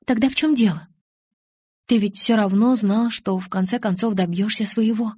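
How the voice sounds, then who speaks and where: A woman's voice: normal speed, breathy edge, no room sound, natural voice. Woman voicing an exasperated young heroine. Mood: pleading. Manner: pleading, higher and animated.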